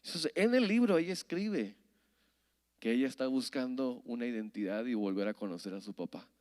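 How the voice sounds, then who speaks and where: A man's voice: medium pitch, lively intonation, fairly quick, a little mellow, big-room sound. Man preaching. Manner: storytelling, keeps asking "¿verdad?" of the congregation. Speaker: pastor. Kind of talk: sermon.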